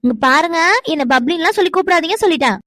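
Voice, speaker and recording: A woman's voice: very high voice, expressive, very fast, no echo, clean studio sound. A woman voicing a shy, easily embarrassed young wife in a cartoon, fretful and exclamatory, stammering when bashful. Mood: shy, protesting. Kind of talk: animated cartoon voice acting.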